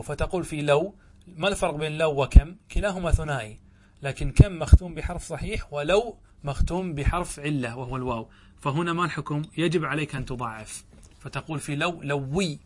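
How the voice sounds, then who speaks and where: A man teaching a classical grammar text in a lecture. He explains each rule step by step, asks questions and answers them himself, and repeats the key words. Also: fairly high pitch.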